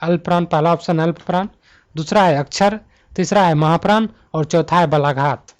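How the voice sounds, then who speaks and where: A man teaching a Hindi grammar exam-prep lesson, talking students through multiple-choice answers and slowing down to list letters one by one. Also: on the high side. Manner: slows to spell out letter lists one by one.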